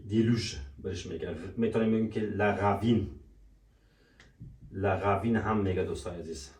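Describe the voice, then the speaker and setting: A lower-voiced man gives a French lesson, saying each word slowly and posing questions he then answers himself. He stands some way from the mic in a roomy, echoing space. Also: a little mellow. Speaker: French teacher. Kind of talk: language lesson. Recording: echoey room, voice from a distance.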